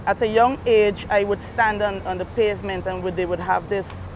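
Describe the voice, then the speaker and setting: A woman police sergeant with a Guyanese accent answers a street interview outside by a junction in short, matter-of-fact responses. Her mid-range voice has fairly even intonation at normal speed, and the rough recording picks up street noise.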